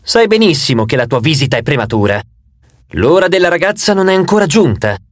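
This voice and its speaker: A man reading an audiobook, voicing the queen of the gods in a calm, authoritative, motherly manner. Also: on the high side, fairly quick, no room sound. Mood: commanding.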